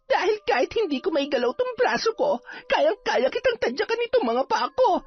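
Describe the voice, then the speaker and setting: A woman acting a bitter, hot-tempered young sorceress on the run, sharp-tongued and defiant, in an audio drama. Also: very high voice, very animated, moderate pace. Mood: angry, bitter. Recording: dull lo-fi with faint music.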